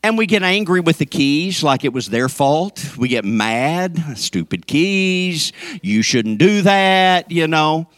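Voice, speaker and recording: A man's voice: medium pitch, fairly bright tone, dry recording, studio quality. A man preaching a sermon to his congregation, folksy and joking, swinging up into emphatic peaks. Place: church sanctuary.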